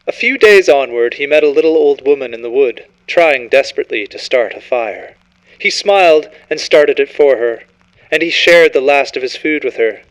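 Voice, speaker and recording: A man's voice: mid-range voice, poor audio. A man reading a scripted horror story as narrator, in a dramatic, ominous storytelling manner.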